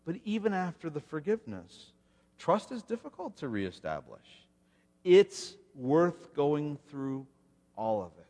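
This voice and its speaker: Male preacher, slightly high voice, dramatic sermon delivery, echoing hall. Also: sing-song, unhurried, mellow. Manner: dramatic, voices God's words with rising intensity. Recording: long hall reverb.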